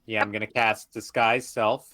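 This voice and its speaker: A man's voice: fairly low pitch, flat delivery, moderate pace, bright, forceful tone, dry recording. A man chatting eagerly as a player in a tabletop game, describing his character's moves. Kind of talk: casual tabletop play.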